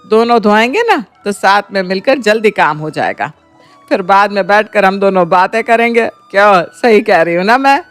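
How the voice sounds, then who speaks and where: A woman voicing a kind-hearted middle-aged mother-in-law in a cartoon story, gentle and affectionate as she scolds. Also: mid-range voice, expressive, moderate pace, soft background music, lightly acted. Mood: coaxing. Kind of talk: cartoon voice acting.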